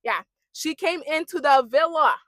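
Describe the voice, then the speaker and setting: A young woman rants in a chatty, slangy way, her voice a little higher than most. The sound is close and dry, with no room around it. She hosts her own recap vlog. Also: animated, moderate pace, sharp tone, dry recording. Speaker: reality TV recap vlogger. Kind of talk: casual rant.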